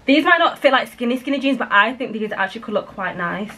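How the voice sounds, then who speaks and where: A woman's voice: on the high side, lively intonation, quick pace, pushed and bright, a little hiss or hum, poor audio. A young woman from Britain chatting casually to camera at home, rambling and filling her talk with "like" and "blah, blah, blah". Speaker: vlogger. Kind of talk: casual vlog chat to camera. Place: at home indoors.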